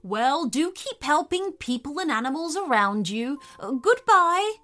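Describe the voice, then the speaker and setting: Woman reading as a grateful little rabbit, bright, unhurried voice. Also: sits high, sing-song, voice pushed up, exaggerated voice. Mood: proud. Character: kind, grateful, proud cloaked rabbit.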